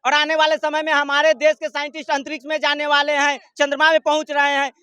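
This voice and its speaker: A man with a high, bright voice gives an emphatic political opinion in a street interview. He runs point after point together in one breath, and the sound is dry. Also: completely flat delivery, quick pace, dry recording. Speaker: member of the public being interviewed.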